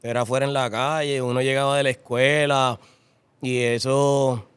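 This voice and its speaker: Middle-aged Puerto Rican man, interview guest, relaxed, repeats himself, smooth voice. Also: medium pitch, normal speed, no room sound. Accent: Puerto Rican Spanish. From Puerto Rico. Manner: repeats phrases, relaxed and thankful. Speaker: interview guest, horse breeder. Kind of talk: casual interview.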